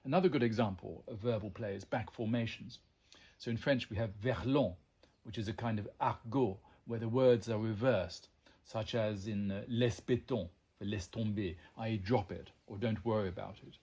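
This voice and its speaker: A man's voice: lowish voice, normal speed, a little mellow, breathy edge. An Englishman hosting a language channel, musing to the listener in an erudite, meandering way, with frequent ums and asides. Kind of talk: reflective monologue to the listener.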